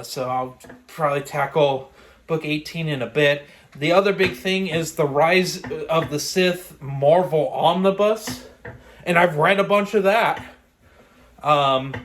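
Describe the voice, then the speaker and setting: Man, slightly high voice, casual rambling vlogger, informal and opinionated, talking while on a treadmill. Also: fairly bright tone. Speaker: host of a book and comics review vlog. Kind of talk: casual rambling solo talk.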